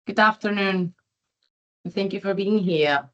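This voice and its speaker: A woman moderates an online info session, sounding friendly and a little hesitant. Her voice is medium in pitch and a little slow, and the video call audio is muffled.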